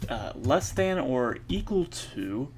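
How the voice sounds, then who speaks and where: A man thinking aloud while he codes, halting and correcting himself, with many fillers. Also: mid-range voice, big pitch swings, a little mellow, slight background noise. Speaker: programmer streaming his coding practice. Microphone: earbuds mic.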